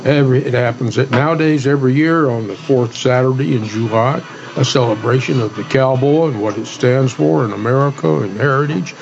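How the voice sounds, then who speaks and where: A man's voice: medium pitch, a little fast, creaky. A man with a folksy, plain-spoken cowboy way of talking, co-hosting a casual show of chat and cowboy poetry. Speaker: co-host of a casual talk show. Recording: dull lo-fi audio with faint hum.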